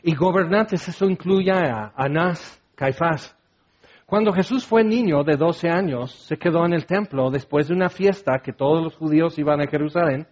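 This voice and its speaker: A man preaching a sermon, animated, acting out biblical voices and sometimes shouting. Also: on the high side, normal speed. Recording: dull lo-fi sound.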